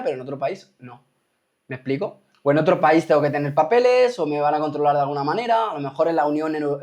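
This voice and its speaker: A man from Spain, the host, gives his viewers a casual spoken talk in a slightly mellow voice that sits on the high side. He checks in frequently with rhetorical questions and keeps asking "¿me explico?"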